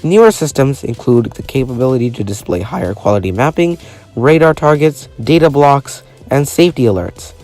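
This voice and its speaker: This narrator of an explainer video is a man with a medium pitch, animated and slightly mellow, speaking at an ordinary pace. He reads his educational script formally and plainly over music, occasionally fumbling a word.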